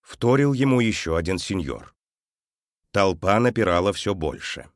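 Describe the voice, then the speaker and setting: A male storyteller with a low, deep voice reads a children's tale aloud. His delivery is expressive and grows softer at the sad moments, recorded close and dry. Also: moderate pace, dry recording. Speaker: narrator.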